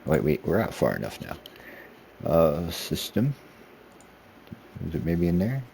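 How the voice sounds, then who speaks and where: This American sim racing creator has a low, gravelly, dark voice whose pitch swoops wildly, and he takes his time. While driving in a racing game he chats along to himself in a relaxed, meandering way, with slight background noise in the recording.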